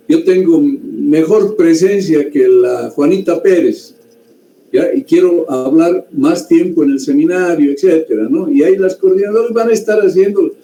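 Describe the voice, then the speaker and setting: A man teaches a medical class, lecturing in a conversational way and frequently checking in with his students. His voice is warm and on the high side, and the room is echoey with faint ambient noise.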